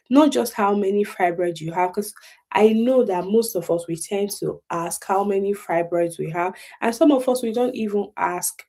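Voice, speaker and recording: A woman with a Nigerian accent and a lowish, dark-toned voice hosts a casual live health explainer. She talks emphatically, repeating key points and checking in with her listeners.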